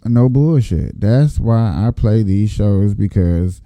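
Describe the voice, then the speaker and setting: A man's voice: fairly low pitch, lively intonation, slow pace, warm tone, no echo. An American man giving casual commentary as a host, talking in a folksy, profane way and repeating phrases for emphasis. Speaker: host reacting to clips from his news feed.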